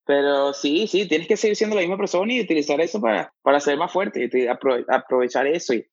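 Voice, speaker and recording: A man from Venezuela with a Venezuelan accent, talking as an interview guest in a halting way, restarting often and slipping in English words. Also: on the high side, animated, creaky, breathy edge, no room sound, muffled recording. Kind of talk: casual interview talk.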